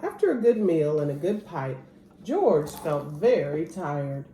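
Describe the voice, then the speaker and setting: A woman reading a children's picture book aloud as an expressive storyteller. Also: low-pitched, measured pace. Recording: roomy echo, clear background noise.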